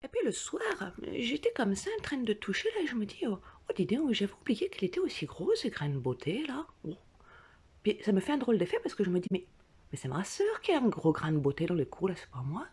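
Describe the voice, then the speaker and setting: A woman doing a sit-down comedy monologue from her bed, telling an animated story with sudden cries, whispers and a playful put-on southern French accent. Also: medium pitch, fairly quick, husky. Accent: put-on mixed southern French. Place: in bed, indoors.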